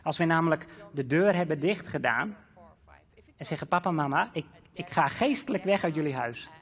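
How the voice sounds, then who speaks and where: A man preaching a sermon as a pastor, impassioned and building to loud emphatic peaks. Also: a little high, lively intonation, moderate pace.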